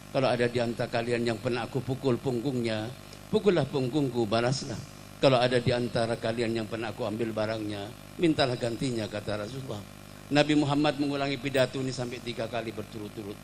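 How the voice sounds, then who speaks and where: A man's voice: medium pitch, steady tone, fast talker, slight background noise. A man with a Javanese accent preaching a sermon as a dramatic storyteller. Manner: dramatic storyteller, swelling to emotional peaks.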